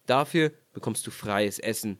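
A man voicing a gruff, poor husband from a fairy tale who scolds and gives orders. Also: lowish voice, moderate pace, fairly bright tone, voice pushed down, lightly acted. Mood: scolding. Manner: scolding, commanding.

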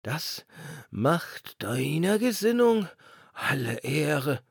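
A man voicing a blustering wind spirit in a storybook reading, speaking loud and drawn out, in a very dry recording. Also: on the high side, big pitch swings, drawn-out words, vocal fry, slightly rough, dry recording, voice pushed up, exaggerated voice. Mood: admonishing.

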